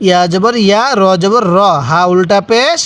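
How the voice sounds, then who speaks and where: A man's voice: sits high, moderate pace, fairly bright tone. A man teaching Quran reading from Bangladesh. He spells out letters and vowel marks, stretches the long syllables, and has the listener repeat after him. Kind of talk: step-by-step recitation lesson.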